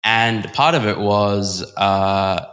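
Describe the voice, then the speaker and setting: A man co-hosting a casual podcast chat, rambling and relaxed, laughing easily. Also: on the low side, slow pace. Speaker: podcast co-host.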